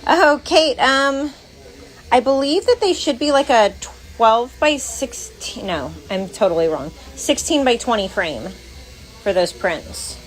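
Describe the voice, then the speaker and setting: A woman's voice: on the high side, expressive, measured pace, faint music behind, rough recording. A young woman co-hosting a casual livestream, reading out chat comments in a chatty, blunt, teasing way.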